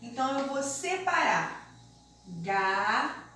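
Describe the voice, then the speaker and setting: A Brazilian woman teaching a remote lesson to young children, explaining slowly and deliberately in a sing-song way. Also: high voice, animated, fairly bright tone. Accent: Brazilian Portuguese. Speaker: primary school teacher. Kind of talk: remote primary school lesson. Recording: very echoey room, mic far off, faint hiss.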